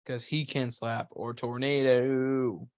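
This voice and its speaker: Guy on a podcast, quick blunt takes, slangy, plain middle pitch, dry close mic. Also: flat delivery, smooth, no room sound. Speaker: podcast co-host. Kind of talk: casual chat.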